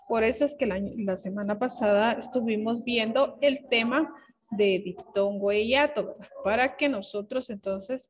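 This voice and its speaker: Patient woman teacher, slightly high voice. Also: low-quality recording. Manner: patient, explanatory, checks in with "¿verdad?" and "¿sí?". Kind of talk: classroom grammar lesson.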